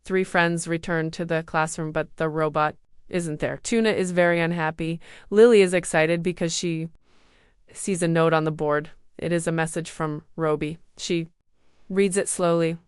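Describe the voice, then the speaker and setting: Clear, low-voiced woman reading a story. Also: dry recording, studio quality. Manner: slow, even, clearly spoken. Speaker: storybook narrator. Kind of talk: read-aloud story for English learners.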